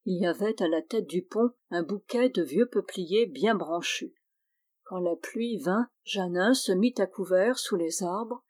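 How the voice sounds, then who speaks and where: A woman reading a classic novel aloud in a steady, measured narrating voice. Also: mid-range voice. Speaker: audiobook reader.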